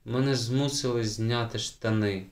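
A man's voice: medium pitch, steady tone, unhurried, lightly acted. A man voicing a timid, sulky schoolgirl who mumbles and whispers her answers in an audiobook. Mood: blurting. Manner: hushed, mumbling. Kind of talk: audiobook character voice.

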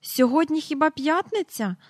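A woman's voice: sits high, animated, normal speed, no room sound, clean studio sound, pitched above the performer's own voice. A woman voicing an earnest, somewhat anxious young girl. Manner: earnest, worried.

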